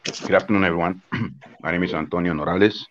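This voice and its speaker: Deep low voice, honduran-born guy telling history over a video call, lots of uh's, kinda muffled audio. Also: brisk, fairly bright tone. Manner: plain storytelling with frequent "uh" and "according to what I understand". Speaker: invited speaker on Wanaragua dance. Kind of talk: online conference talk. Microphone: webcam on video call.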